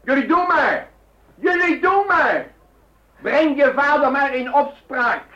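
A man's voice: extremely high pitch, animated, slow pace, bright, forceful tone, roomy sound, highs cut off, full character voice. A stubborn pious grandfather. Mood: stern defiant. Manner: stern, unyielding. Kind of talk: radio drama acting.

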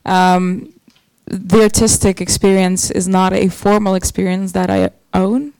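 A woman's voice: mid-range voice, animated, measured pace, darkish tone, clear, resonant tone, no echo, poor audio. A woman from Estonia introducing herself as a speaker on a live panel. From Estonia, from Narva. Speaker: panelist, amateur musician and stand-up comic.

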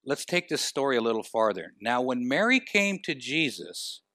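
A man preaching a sermon, asking the congregation rhetorical questions and moving between quiet and emphatic delivery. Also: mid-range voice, big pitch swings, normal speed, no echo, clean studio sound.

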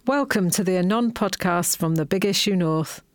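A woman hosting a podcast, reading a scripted introduction in a measured, earnest way. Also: lowish voice, no echo, studio quality. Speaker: podcast host.

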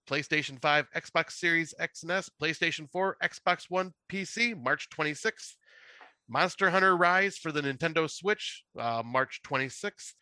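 Bright, tense-voiced man listing game releases. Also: a little high, no echo. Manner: runs through a list of game releases, casual and chatty. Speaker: podcast co-host. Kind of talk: casual podcast chat.

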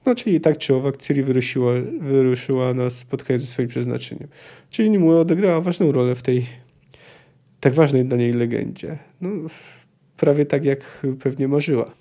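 Man, podcast host, casual book talk, mellow tone, halting delivery. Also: medium pitch. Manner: thinking aloud, frequent hesitations and restarts.

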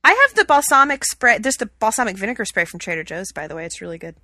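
Fast-talking bright-voiced woman co-host. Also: medium pitch, animated, dry recording. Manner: chatty, upbeat, quick. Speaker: podcast co-host. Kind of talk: casual chat.

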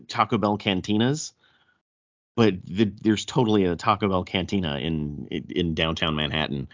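A man's voice: on the low side, a bit bright. Southern man chatting in an echoey room. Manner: stammering, repeats words as he goes. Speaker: podcast host. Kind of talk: casual chat. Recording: dull, roomy echo.

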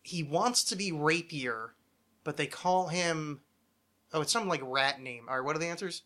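This man speaks on the high side at a normal speed, his voice pushed and bright. Hosting a podcast in casual chat, he answers trivia questions hesitantly, thinking aloud, often criticizing himself and swearing freely.

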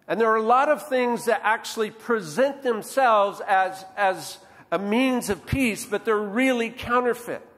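A man's voice: sits high, unhurried, a bit bright, in a large hall. A man preaching a sermon as a pastor, conversational and often checking in with the congregation. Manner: conversational, often adds "right?" to draw in the congregation.

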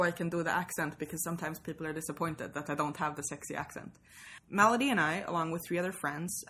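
A Swedish woman whose native languages are Swedish and Russian speaks English in a low, slightly bright voice. She's a journalist and podcaster appearing as an interview guest, chatting casually and wryly, with faint background noise behind her.

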